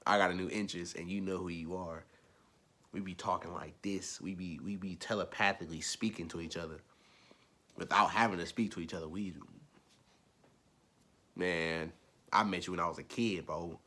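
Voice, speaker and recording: A young man talking straight to the camera in a casual, rambling opinion rant. He repeats himself and swings between low mumbles and loud, emphatic bursts. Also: steady tone, moderate pace, long pauses. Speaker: vlogger.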